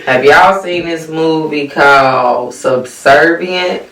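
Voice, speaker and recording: A podcast co-host chatting casually, slangy, profane and quick to laugh. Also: mid-range voice, a bit bright, far from the mic. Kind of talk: casual chat. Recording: roomy sound, mic set back.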